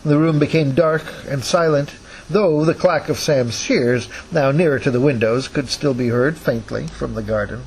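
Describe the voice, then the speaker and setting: A man reading a novel aloud in a relaxed, casual manner, with chatty asides and self-corrections. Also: mid-range voice, normal speed, low-quality recording. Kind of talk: casual read-aloud narration.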